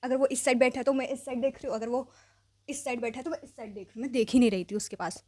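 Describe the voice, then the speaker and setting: A young woman telling a personal story in a chatty, animated vlog style, dropping English phrases in and leaning on fillers. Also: a little high, very fast, no echo, clean studio sound. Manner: mixes English phrases into speech. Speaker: vlogger. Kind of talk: casual storytelling.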